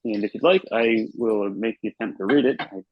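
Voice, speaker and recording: A man's voice: lowish voice, brisk, dry recording. A man playing a tabletop role-play game, speaking hesitantly with many fillers. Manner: hesitant, full of ums and uhs. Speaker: player. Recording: dull lo-fi mic.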